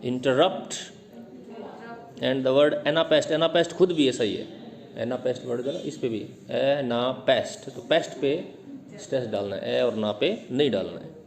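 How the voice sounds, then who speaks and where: A man teaching literary terms, explaining patiently and repeating example words slowly to show where the stress falls. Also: mid-range voice, animated, creaky, a little mellow.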